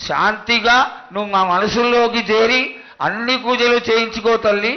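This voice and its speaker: Male priest, high voice, deferential pleading, halting phrases, dull lo-fi recording. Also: fairly even intonation. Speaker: priest addressing an oracle. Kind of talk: reverent pleading to a goddess. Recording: dull lo-fi sound.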